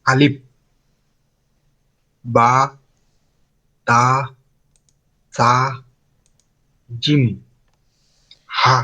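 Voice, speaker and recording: Slow, bright-voiced male student. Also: mid-range voice, level tone. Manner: slow, halting reading of single letters. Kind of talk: repeating letters after a teacher.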